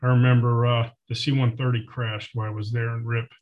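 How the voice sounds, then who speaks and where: A man in his sixties, an old veteran remembering his service, talking in a halting, matter-of-fact way with many pauses as an interview guest. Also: mid-range voice, level tone, darkish tone, muffled recording. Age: 60s. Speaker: interview guest, retired Special Forces soldier. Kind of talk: unscripted reminiscing in an interview.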